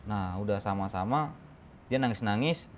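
A man's voice: fairly low pitch, moderate pace, slight background noise. A young man from the Kei Islands, a dog trainer and guest, telling stories in casual chat and acting out the voices and calls. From Kei Islands, eastern Indonesia. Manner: animated, acts out quotes and calls.

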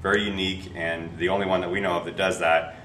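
In a small indoor retail shop, an American man plugs products informally and unscripted in short, clipped phrases. His low voice moves little in pitch, comes quickly and sounds a bit bright. A camera a few feet away picks up the echoey shop with faint noise.

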